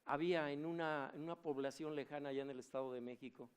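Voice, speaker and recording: A pastor with a quick, clear, resonant voice on the high side preaches an animated sermon. He tells stories and puts questions to the congregation.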